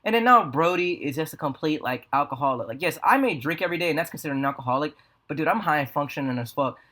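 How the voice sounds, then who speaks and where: Fast, higher-voiced American guy rambling. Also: expressive, pushed and bright. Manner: rambling, slangy, profane. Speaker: video creator. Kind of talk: casual storytelling vlog. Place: apartment room with a fan running. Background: fan hum.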